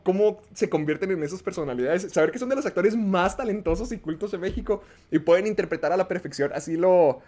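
A man with a Mexican accent, a podcast host giving a rambling, casual film review with many fillers. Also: sits high.

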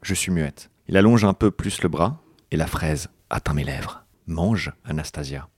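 A man's voice: a bass voice, animated, unhurried, darkish tone, husky, no echo, studio quality. A man co-hosting a podcast, reading a novel aloud in a joking, mock-dramatic way with banter. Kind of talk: comic book reading with banter.

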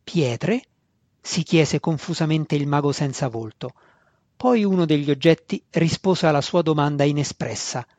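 A man's voice: a little high, normal speed, a little mellow, no room sound. Man narrating a fantasy audiobook. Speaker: audiobook reader. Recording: dull, dry sound.

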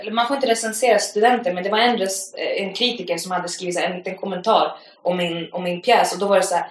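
A woman guest on a podcast, telling stories in a casual, animated way, full of fillers. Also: lowish voice. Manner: animated storytelling with frequent fillers. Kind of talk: casual conversation. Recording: roomy echoey room.

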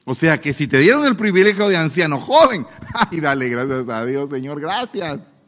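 A man preaching a sermon with humor, animated and playful, acting out the voices he quotes. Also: a little high, moderate pace, long reverb tail.

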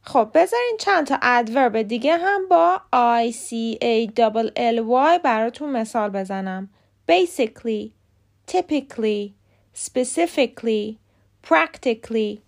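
A woman hosting a scripted podcast lesson on English pronunciation, slowly spelling out English words. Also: a little high, expressive, vocal fry. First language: Persian.

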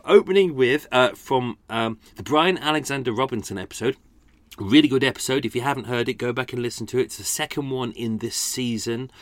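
His mid-range voice is a bit bright, captured in a dry recording. As a podcast host in casual conversation, he's chatty, frequently laughing and self-deprecating.

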